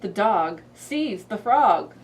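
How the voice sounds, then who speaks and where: A woman reading picture books aloud as if to a toddler, in an expressive, sing-song storybook way with drawn-out, emphasized words. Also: mid-range voice, recorded from a distance. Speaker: children's librarian demonstrating read-aloud books.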